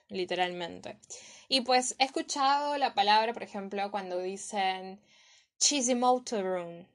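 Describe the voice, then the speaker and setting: A young woman from Peru with a Peruvian Spanish accent, teaching slang in a playful, casual vlog style and repeating each word to drill it. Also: medium pitch.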